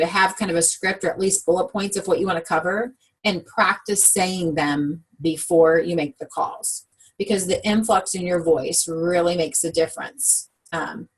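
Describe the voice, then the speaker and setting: A woman's voice: fairly low pitch, moderate pace, husky, rough recording. A woman leads a team training talk in an upbeat coaching manner, often putting questions to her listeners. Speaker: sales team director.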